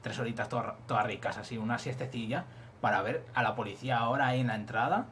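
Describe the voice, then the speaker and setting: A man's voice: medium pitch, fast talker, a bit bright, slight background noise. A young man with an accent from Spain giving casual, joking gameplay commentary and swearing freely. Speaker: let's play host.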